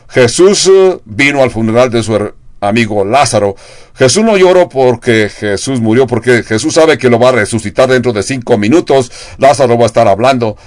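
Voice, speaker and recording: A man's voice: medium pitch, no echo, studio quality. An older man preaching a sermon in Spanish, asking his congregation rhetorical questions. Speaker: pastor.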